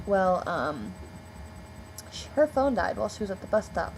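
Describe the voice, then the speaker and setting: Young woman, chatty vlog storytelling, lots of fillers, mid-pitched voice. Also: very animated, moderate pace, creaky, a little hiss or hum, poor audio. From United States. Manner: rambling, heavy on "like" and "um" fillers. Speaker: vlogger.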